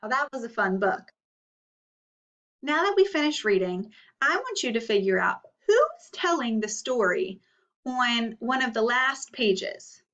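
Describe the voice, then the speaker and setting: An elementary school teacher leads a read-aloud lesson for children, explaining things and asking questions. Her voice is a little high and fairly bright, very animated yet unhurried. The recording is slightly muffled, as if from a distant microphone.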